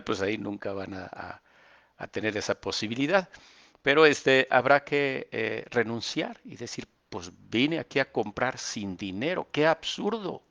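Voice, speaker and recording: A man teaching a Bible lesson, reading verses slowly and with emphasis, then explaining them casually with fillers. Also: mid-range voice, a bit bright.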